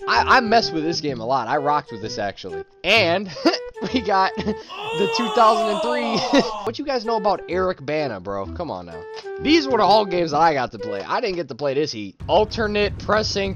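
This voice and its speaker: Male let's player, excitable frat-bro manner, wide swings in pitch, strained from yelling, slangy, game music behind. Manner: loud excitable frat-bro talk, frequent whoops and exclamations. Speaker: let's play streamer. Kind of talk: gaming commentary, casual and slangy. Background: game music and sound.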